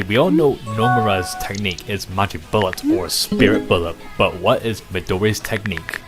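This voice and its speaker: Casting: lower-voiced man, casual reader of a fan chat story, switching between character lines and quick asides, loud music underneath. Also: low-quality recording. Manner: voices each character in turn, reacts with running asides. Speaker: reader of a texting story video. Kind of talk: reading a chat story aloud with commentary. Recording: loud music bed behind the voice.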